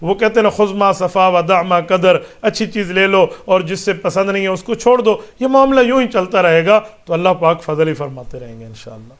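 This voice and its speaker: A man's voice: sits high, lively intonation, hardly any pauses. A man answering listeners' religious questions as a mufti, speaking emphatically with rhetorical questions and repeated parallel phrases.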